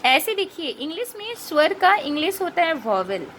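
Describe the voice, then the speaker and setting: A woman with a high, fairly bright, very animated voice teaches grammar, explaining patiently, checking in with rhetorical questions, and spelling out and repeating sounds slowly. A little hiss or hum is audible.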